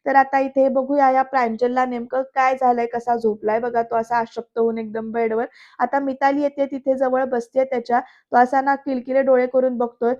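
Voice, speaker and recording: A woman's voice: high-pitched, level tone, normal speed, a little mellow, muffled recording. A woman narrating a voice-over episode review in a chatty way, talking straight to the viewers. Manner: chatty, addresses the viewers directly. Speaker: serial reviewer.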